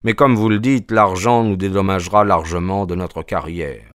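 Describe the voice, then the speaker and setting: A reluctant middle-aged officer who agrees only grudgingly, as a male reader puts him on. His voice stays low and deep. The recording is close and dry. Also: normal speed, fairly bright tone, clear, resonant tone, no echo.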